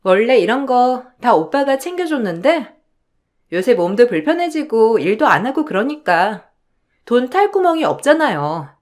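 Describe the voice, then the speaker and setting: A woman's voice: a little high, very animated, moderate pace, darkish tone. A woman voicing a spoiled, entitled young sister-in-law who makes mocking, whiny demands. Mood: sassy.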